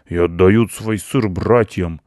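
A man's voice: low-pitched, slow, darkish tone, no room sound. A pushy grey teenage mouse, voiced by a male storyteller, talks in a brusque, threatening way. The recording is dry and close.

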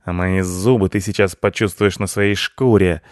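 A man voicing a grumpy, belligerent male companion who grumbles gruffly. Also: low-pitched, steady tone, normal speed, no room sound, clean studio sound, lightly acted. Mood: grumbling.

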